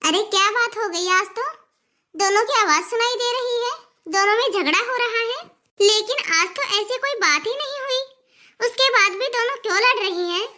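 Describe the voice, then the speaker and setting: A woman voicing a kindly mother-in-law in a cartoon, gentle and placating. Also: extremely high pitch, moderate pace. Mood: puzzled. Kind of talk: cartoon voice acting.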